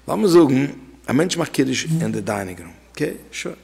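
A man's voice: mid-range voice, very animated, normal speed, gravelly, dark tone, slightly rough. A man teaching an informal religious law lesson as a rabbi, talking conversationally and telling anecdotes to his listeners. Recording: reverberant hall.

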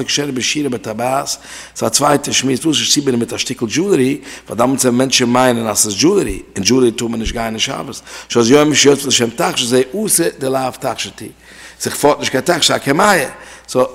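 A man gives a religious study lecture in a gravelly, husky voice, explaining each point and then restating it. He slips in Hebrew terms and English words as he goes. His voice carries a long reverb, as in a hall. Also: medium pitch.

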